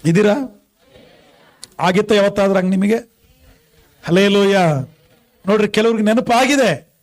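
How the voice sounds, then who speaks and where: High-pitched man preaching a sermon. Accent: Kannada. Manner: preaching with frequent questions and hallelujahs. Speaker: pastor.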